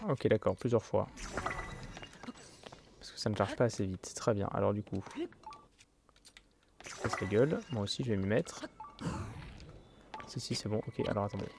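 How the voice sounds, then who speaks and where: A man's voice: fairly low pitch, normal speed, vocal fry, long pauses, background noise. Man grumbling through a game. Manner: thinks aloud, exasperated, swears at the game. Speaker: gaming YouTuber. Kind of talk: let's play commentary. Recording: game music playing behind.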